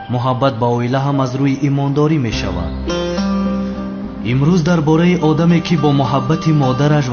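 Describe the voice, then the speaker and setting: An actor dubbing a preacher giving a measured, solemn sermon to a congregation. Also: male voice, mid-range voice, close to an everyday voice. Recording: dull lo-fi with loud music.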